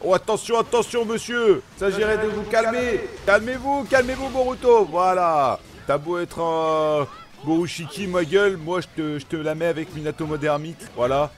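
A man from France, a gaming YouTuber, talking chattily through character setup and gameplay with lots of quick exclamations. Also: a little high. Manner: excitable, chatty, punctuates action with exclamations. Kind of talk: gameplay commentary.

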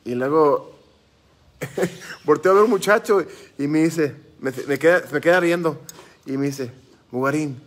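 A man's voice: a little high, a little slow, long pauses. A man hosting a casual chat, rambling and repeating words as he starts his sentences. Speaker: host.

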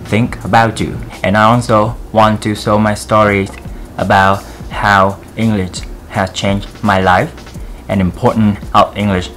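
A man with a heavy Vietnamese accent speaks to his channel in an earnest, encouraging way, with plain and broken English phrasing. His voice sits fairly low. Soft music plays faintly underneath. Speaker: vlogger. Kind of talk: encouraging vlog talk to camera.

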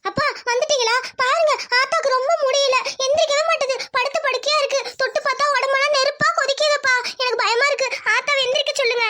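A woman voicing an anxious little village girl in a cartoon, high and pleading as she calls out. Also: fairly even intonation, fast, hardly any pauses, pushed and bright. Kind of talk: cartoon voice acting.

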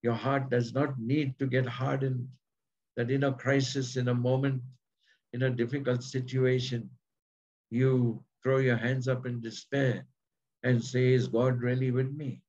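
An earnest male preacher with a husky, slightly worn voice at a middling pitch. He leans into the verses he reads, stretching them out for weight. The sound is muffled and lo-fi. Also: flat delivery, darkish tone. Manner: earnest, slows down to stress scripture. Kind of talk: sermon. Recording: dull lo-fi sermon recording.

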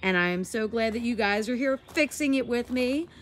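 A woman in her forties vlogs about her garden while walking and talking outdoors, holding her phone to film. Her stuffy, nasal voice sits on the high side at normal speed, and she's chatty, enthusiastic and laughs easily. A little hiss or hum can be heard.

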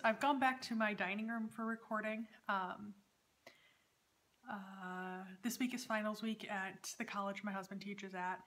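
A woman in her thirties, host of a knitting podcast, chats in a hesitant, casual way from her dining room at home. Medium in pitch, her voice carries a bit of brightness.

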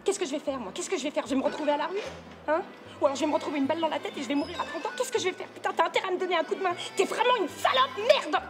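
Brief: actress as a profane, panicking woman around thirty, high and fast, film music under. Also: lightly acted. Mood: panicked. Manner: swears constantly, repeats herself in frantic bursts. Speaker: woman quarrelling by phone with her best friend. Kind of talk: film acting.

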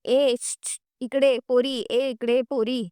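A woman's voice: high voice, little pitch movement, slow pace, mellow, smooth, no echo, studio quality. A woman reading the lines of a blunt, demanding older mother in a serial recap. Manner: bossy, blunt.

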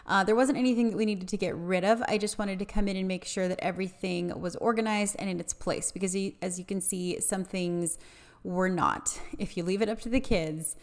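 A woman's voice: medium pitch, fairly quick. A woman in her thirties, a home vlogger, explaining her cleaning routine in a plain, matter-of-fact voice-over. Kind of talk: voice-over narration.

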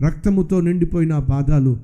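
A man doing God, fatherly deity, deep calm voice, mellow tone, sermon story. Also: a little fast, natural voice. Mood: reassuring.

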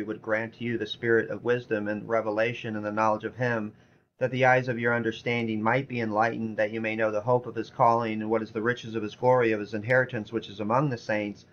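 A man's voice: mid-range voice, dull audio. A man preaching a sermon in an earnest, repetitive way, reading scripture passages aloud. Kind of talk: sermon teaching.

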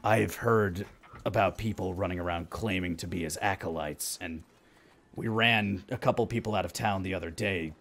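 A man playing a bewildered small-town police officer in a tabletop game, husky and hesitant, with measured phrasing. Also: low voice, a bit bright, a little hiss or hum. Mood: measured, puzzled.

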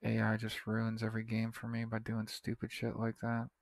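A man's voice: on the low side, monotone, moderate pace, creaky, no room sound. A man giving casual commentary while playing a strategy game, muttering to himself and swearing in frustration. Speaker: gaming video creator.

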